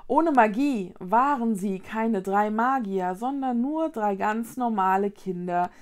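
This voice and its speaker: A woman reading a children's storybook aloud in a calm, soft and measured way. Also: mid-range voice. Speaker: storybook reader.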